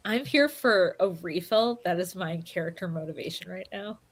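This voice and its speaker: A woman's voice: lowish voice, moderate pace. A woman playing a tabletop role-playing game, describing her character's actions playfully. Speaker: player.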